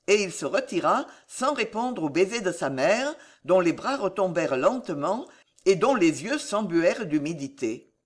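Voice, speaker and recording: A woman narrating a historical novel as an audiobook in a measured, expressive reading. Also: on the low side. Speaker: audiobook reader.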